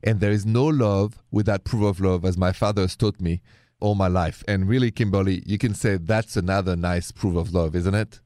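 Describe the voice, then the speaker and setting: A man hosting a radio call-in show about love stories, warm, encouraging and effusive with callers. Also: sits low, fairly even intonation, normal speed, no echo, studio quality. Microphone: studio mic.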